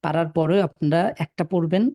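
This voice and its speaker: A man teaching Quran reading over a video call, patiently but firmly correcting students and spelling letters slowly. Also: fairly high pitch, fairly even intonation, dark tone, no room sound, clean studio sound. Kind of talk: online class, correcting students.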